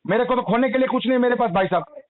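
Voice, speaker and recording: A man's voice: extremely high pitch, rapid-fire. A distressed man on a phone call, pleading and complaining, demanding an apology over a loan dispute. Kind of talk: heated phone argument. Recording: tinny phone line recording.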